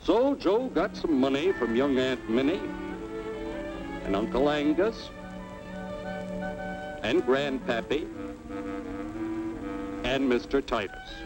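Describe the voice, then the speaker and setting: A man with a medium-pitched, sing-song voice narrates a 1950s educational cartoon as a plain-spoken, level-headed American everyman. He tells the story in a folksy, persuasive way, slowly and with long pauses. It's a low-quality vintage film soundtrack with music behind him.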